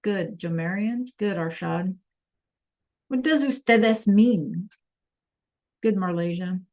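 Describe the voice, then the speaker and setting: A woman's voice: medium pitch, slow, darkish tone. A woman teaching a Spanish lesson online, patiently checking in with her students and praising answers from the chat.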